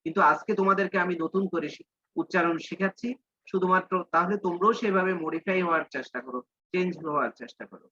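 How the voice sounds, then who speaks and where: Male teacher, patient and explanatory, bright tone over a dull lo-fi line. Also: high-pitched, no echo. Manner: reads English slowly, then explains in Bengali. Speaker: English teacher. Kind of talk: online class lesson.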